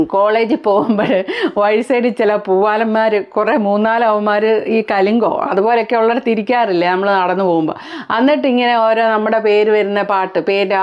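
A woman's voice: mid-range voice, clear, resonant tone, highs cut off. A woman from Kerala giving blunt, critical reality-show commentary as a vlogger, full of rhetorical questions.

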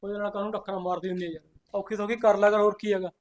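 A man's voice: extremely high pitch, quick pace, a bit bright. A man playing an impatient farmer husband who lectures the women of the house. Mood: exasperated. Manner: exasperated, lectures and pushes the women to hurry. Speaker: elder brother and farmer of the house. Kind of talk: comedy skit acting.

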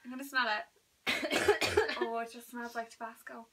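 A woman's voice: fairly high pitch, steady tone, normal speed, bright, forceful tone. A young woman vlogging casually with friends, giggly and dramatic, squealing often. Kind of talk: casual chat. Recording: slightly distant camera mic with faint hiss.

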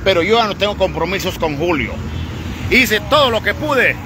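Filmed on a phone on a noisy street at night, a Honduran charity-channel host lectures someone bluntly in Honduran Spanish. His voice sits high and sounds animated, at a moderate pace.

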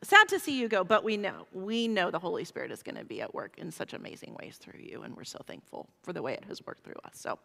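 Bright-voiced woman pastor in a reverberant sanctuary. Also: fairly low pitch, huge pitch swings, fast, creaky, few pauses. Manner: emotional, laughing, voice catching. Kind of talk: church announcements and call to worship. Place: large church sanctuary. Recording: long reverb of a large sanctuary, far from mic.

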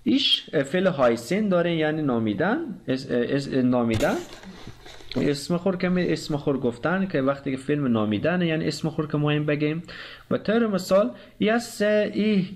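A man with a slightly high voice and an Afghan Dari accent teaches German verbs in a lesson. He hesitates often, filling gaps with "uh" sounds. He reads the conjugation tables slowly and carefully. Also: animated. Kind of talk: explaining grammar, conjugating verbs aloud.

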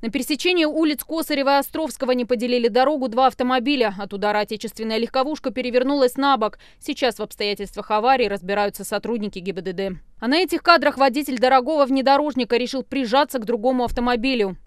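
A woman narrates a news report with a brisk, rapid newsreader delivery. Her voice sits a little high and sounds smooth and clear. The recording is dry, with no room sound. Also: dry recording. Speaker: news correspondent.

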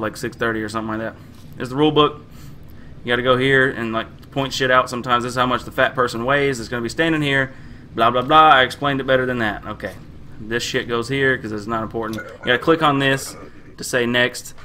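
A young gamer delivers profane let's-play commentary as he plays a computer game, cracking crude jokes, swearing a lot, and putting on silly accents to read the game text. His mid-range voice has a sharp tone, with slight background noise.

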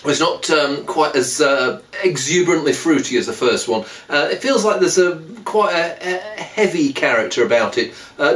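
A man's voice: medium pitch, a bit bright. A man, a wine critic, chatting casually as he tastes wines, with many hesitant fillers. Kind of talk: casual wine tasting talk. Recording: echoey room, a bit far from mic.

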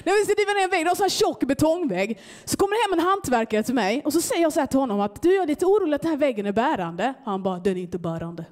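Lively high-voiced woman doing stand-up. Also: few pauses. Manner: animated storytelling, acting out short dialogues. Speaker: stand-up comedian. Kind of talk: stand-up comedy set. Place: comedy club stage. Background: audience laughter.

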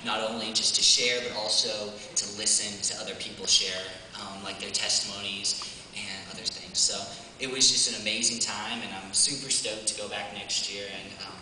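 A man's voice: fairly low pitch, steady tone, moderate pace, pushed and bright, slight background noise. A young man giving a casual, hesitant talk with many fillers, then performing a spoken word poem with rising intensity. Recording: echoey hall from far off, faint ambience.

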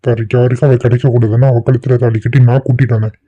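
Man doing a defiant young cartoon husband, insistent, dark warm voice, dry muffled recording. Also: medium pitch, flat delivery, fast talker, dry recording, lightly acted. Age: 20s. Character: defiant young husband, 25, hot-headed son. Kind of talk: cartoon voice acting.

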